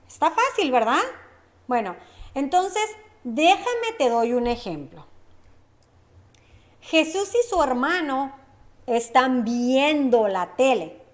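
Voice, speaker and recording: A woman's voice: sits high, very animated, takes it slowly, pauses often. A woman teaching a lesson, running repeat-after-me drills and checking in with short questions. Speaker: Spanish teacher.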